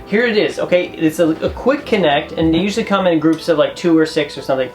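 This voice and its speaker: A man's voice: a little high, fast, music in the background. A man co-hosting a travel vlog, giving tips in a chatty, joking, emphatic way. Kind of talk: casual how-to chat.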